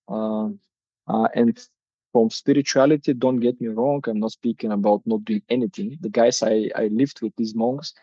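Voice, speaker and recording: A man in his thirties from Bulgaria, a native Bulgarian speaker talking in English with a Bulgarian accent, as a guest coach in a casual interview, halting and full of hesitations. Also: mid-range voice, mellow, no echo, highs cut off.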